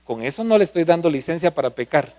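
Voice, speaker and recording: A man's voice: on the high side, expressive, fast, darkish tone. A male pastor preaching a sermon, often asking the congregation questions.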